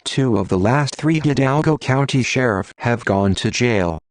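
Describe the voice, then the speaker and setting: A man's voice: mid-range voice, expressive, a little slow, no echo, clean studio sound. A man reading a scripted message as an activist spokesperson, formally addressing the public in a solemn, declamatory tone of warning.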